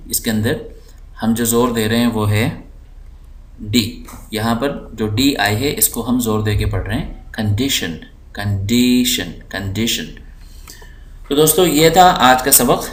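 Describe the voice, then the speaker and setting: A man teaching an English course lesson, repeating each word slowly to stress its syllables. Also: medium pitch. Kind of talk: language lesson. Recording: roomy echo.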